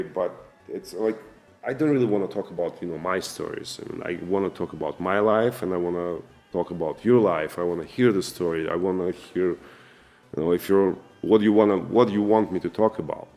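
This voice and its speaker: A man in his forties with a Russian accent, telling his own story to camera in an earnest, halting way with many fillers and restarts. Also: low voice, mellow. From former Soviet Union. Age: 40s. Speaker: vlogger and businessman. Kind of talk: casual personal storytelling to camera.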